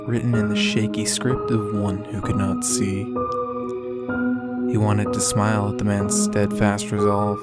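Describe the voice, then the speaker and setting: A man giving a scripted narration of a horror story. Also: on the low side. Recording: prominent ambient music bed. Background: ambient new-age style music.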